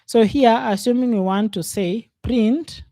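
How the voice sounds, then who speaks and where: A man's voice: high-pitched, unhurried, mellow, no echo, clean studio sound. A man teaching a programming class over a screen share, talking it through unhurriedly and thinking aloud with frequent fillers. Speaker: programming instructor. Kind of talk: casual screen-share coding lesson.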